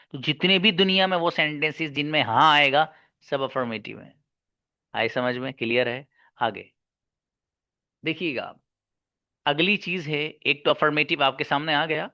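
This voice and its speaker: A male teacher leads an online grammar lesson in a bright, forceful voice. The sound is close and dry. He keeps repeating key terms and answers his own questions to the class. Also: medium pitch, no echo. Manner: asks students questions and answers them himself; stretches out English example sentences slowly. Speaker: English teacher. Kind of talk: online spoken-English lesson.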